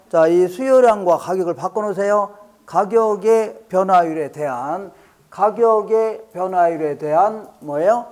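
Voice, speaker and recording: A man's voice: sits high, a little mellow. A man teaching a live class to exam students. He repeats key phrases, keeps checking that everyone is following, and jokes lightly with the students. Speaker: exam prep lecturer. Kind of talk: classroom lecture.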